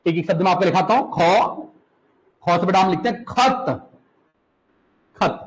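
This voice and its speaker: Man, teacher, from the hills of Uttarakhand, classroom lecture, dictates words, keeps checking understanding, high voice. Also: poor audio. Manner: repeats words slowly for students to copy, checks understanding often.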